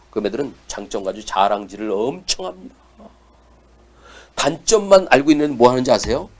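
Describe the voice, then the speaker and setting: A man lectures a room of parents in a lively voice, his pitch rising and falling widely. He keeps turning to his listeners with questions and waits for their answers. His voice sits in a middle register for a man. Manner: animated, asks the audience questions.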